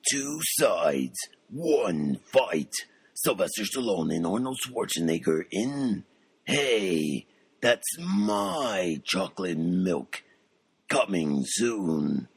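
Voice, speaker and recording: A gravelly, very low movie trailer announcer, as a man puts him on. He stretches each word into a slow, dramatic delivery. The sound is dry, with no room around it. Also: sing-song, dry recording, exaggerated voice. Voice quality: deep gravelly voice. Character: booming male movie trailer narrator.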